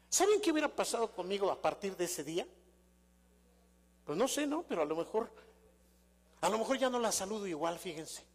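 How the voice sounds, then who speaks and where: An older man with a Mexican accent preaches in a high-pitched voice. He tells stories in a conversational way and keeps asking his congregation questions. His voice rings with a long reverb through the church hall. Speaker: pastor. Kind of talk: sermon. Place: church sanctuary.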